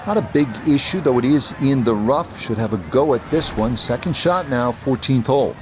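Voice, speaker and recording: A man as a composed golf commentator in a video game, giving measured broadcast play-by-play. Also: medium pitch, lively intonation, slight background noise, lightly acted. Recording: loud music and crowd behind. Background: music and crowd.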